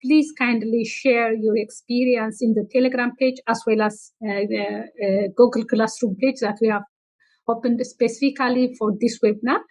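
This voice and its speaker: A woman's voice: a little high, steady tone, moderate pace, a little mellow, rough recording. A woman moderating an online workshop in a polite, hesitant way. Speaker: webinar moderator.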